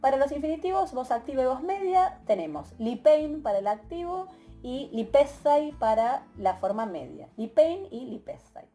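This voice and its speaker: A woman teacher with an Argentine Spanish accent, giving a methodical recorded grammar lecture, often pausing with "eh" and checking in with her students. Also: sits high, expressive, mellow, faint music behind. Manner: methodical, explanatory, many filler "eh"s and rhetorical "¿sí?" checks.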